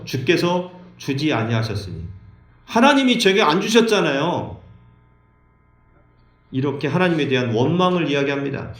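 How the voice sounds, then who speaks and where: Male pastor, animated sermon delivery, swings pitch widely, roomy church echo. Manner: animated, acts out dialogue with sudden pitch jumps. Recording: echoey room.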